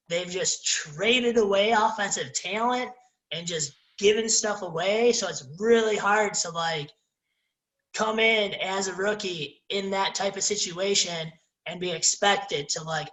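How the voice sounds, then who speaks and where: Relaxed man hosting sports chat. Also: high voice, measured pace, reverberant, low-quality recording. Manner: relaxed, leads the discussion and moves to new topics. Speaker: podcast co-host.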